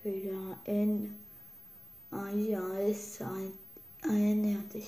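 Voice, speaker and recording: A woman's voice: mid-range voice, slow. Chatty young woman in an echoey room. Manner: chatty, excitable, drops into whispers. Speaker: vlogger. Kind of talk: casual show-and-tell vlog.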